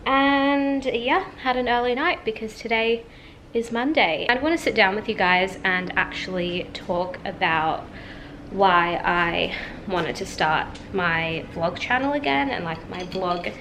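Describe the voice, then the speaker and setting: A woman in her twenties chatting casually to camera at home as a vlogger, relaxed and full of "like". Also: mid-range voice, a little slow. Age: 20s. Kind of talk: casual vlog chat. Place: at home, indoors. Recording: noticeable room ambience noise.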